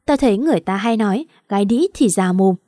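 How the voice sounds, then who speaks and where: A woman voicing a sharp-tongued older mother-in-law who scolds and accuses in a quarrelsome way, in an audio story. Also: medium pitch, expressive, quick pace, no echo, studio quality, natural voice. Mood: scolding.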